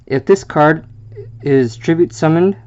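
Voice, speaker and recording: A man presenting a card game deck, reading the card text aloud in a halting way, stumbling over wordings and filling gaps with "uh". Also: a little high, darkish tone, muffled recording.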